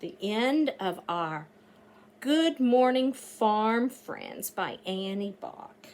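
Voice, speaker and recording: A middle-aged woman reads to young children extremely slowly, in a mid-range voice, the way a teacher would. She sits by a door in a small indoor room, sounding sing-song, animated and often breathy, lengthening key words and asking the children questions.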